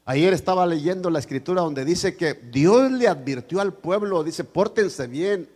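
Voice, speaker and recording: In this church sermon, a man leading as pastor moves from loud, shouted stretches to soft asides while imitating the voices he cites. He speaks a bit slowly, with a fairly high, expressive voice.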